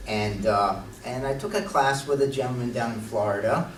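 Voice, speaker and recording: A man's voice: medium pitch, moderate pace, over a noisy crowd. A man on a conference panel speaking earnestly and enthusiastically about hypnosis training. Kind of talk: panel talk. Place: conference hall. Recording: echoey hall, distant mic, background noise.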